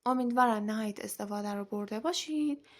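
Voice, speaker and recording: A young woman teaching an English vocabulary lesson, saying each word slowly and clearly, then repeating it, with quick explanations in between. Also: mid-range voice.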